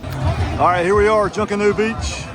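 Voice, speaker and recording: A travel vlogger narrates outdoors in a laid-back, folksy manner, moving across walkways, a boat and an island. His voice sits high with a steady tone and measured pace, and music and a crowd can be heard behind him.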